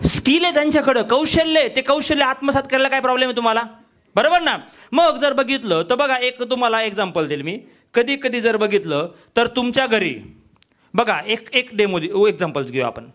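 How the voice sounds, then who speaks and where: A man giving a motivational sales training talk, energetic and full of rhetorical questions to his audience. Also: very high voice, brisk. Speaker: business trainer.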